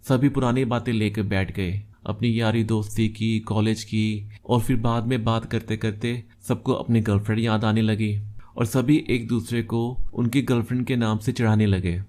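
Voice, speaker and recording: A man reading a first-person story aloud in a measured, steady storytelling manner. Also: lowish voice. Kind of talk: scripted first-person narration.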